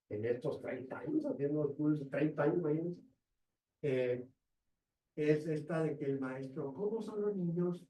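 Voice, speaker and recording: Mexican guy lecturing at a conference, wry and lively, mic kinda far off in a big room. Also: a little high. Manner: lively, wry, rhetorical questions. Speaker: guest lecturer. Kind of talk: academic conference talk. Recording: roomy, distant mic in a hall.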